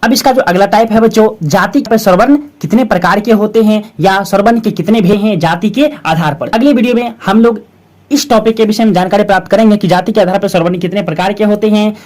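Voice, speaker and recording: A teacher giving a grammar lesson to schoolchildren, often calling them children and friends and repeating each definition twice in a slow, steady way. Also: mid-range voice. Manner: calls students 'children' and 'friends' often.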